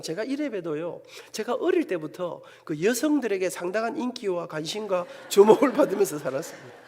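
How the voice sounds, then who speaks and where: A man, a church elder with a Gyeongsang Korean accent, preaching an emotional sermon and telling his own story dramatically. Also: very high-pitched. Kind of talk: sermon with personal testimony. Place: church sanctuary. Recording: long church hall reverb.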